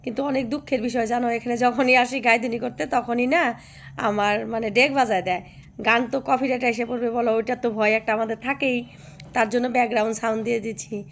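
A hoarse woman vlogging by a cowshed, chatting affectionately with her viewers and often asking if they follow. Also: on the high side, fairly even intonation, brisk, a little hiss or hum. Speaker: village life vlogger. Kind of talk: casual vlog chat to viewers.

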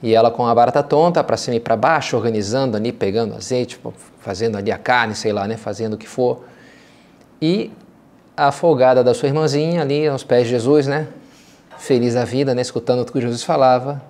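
Conversational priest's meditation. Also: male voice, medium pitch, a little mellow. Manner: opens with slow prayer, then explains in a chatty, conversational way; many tag questions and informal asides. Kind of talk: spoken meditation.

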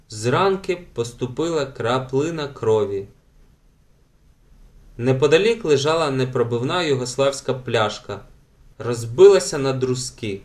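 A man reading a children's audiobook aloud with gentle, animated storytelling. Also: medium pitch. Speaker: audiobook narrator.

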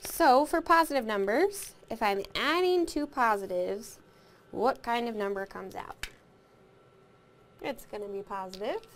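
A woman's voice: on the high side, measured pace, a little hiss or hum. A woman teaching a recorded math lesson, explaining step by step, counting aloud and asking the class questions.

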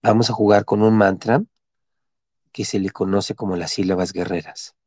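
A middle-aged man guiding a body-movement and mantra session, giving calm repeated cues and chanting vowels for listeners to follow. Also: on the low side, normal speed, no room sound. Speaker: meditation and breathwork guide.

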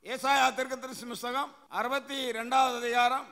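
A man's voice: very high-pitched, little pitch movement, normal speed, pushed and bright. Sex: man. Role: pastor. Style: emphatic sermon in an echoey church. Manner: emphatic, repetitive preaching with rhetorical questions. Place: church sanctuary.

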